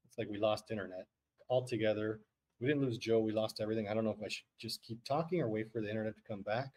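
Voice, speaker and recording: A man's voice: lowish voice, a little mellow. A man co-hosting a casual livestream podcast, telling history in a rambling, joking way. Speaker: podcast co-host.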